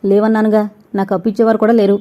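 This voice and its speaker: A woman's voice: medium pitch, level tone, racing, lo-fi sound, natural voice. A woman reading the lines of a stern young husband, a doctor who scolds and lectures his wife.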